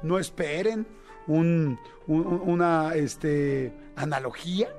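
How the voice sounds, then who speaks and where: A man, a radio host telling a jokey personal story in a casual, animated way. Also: a little high, takes it slowly, soft background music. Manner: jokey, animated, mimics voices in quotes. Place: radio studio.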